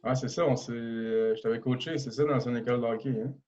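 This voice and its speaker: A man in his thirties with a Québécois French accent, talking casually as a podcast guest, relaxed and hesitant with many fillers and restarts. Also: medium pitch, fast talker, highs cut off. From Quebec. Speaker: guest, professional hockey player.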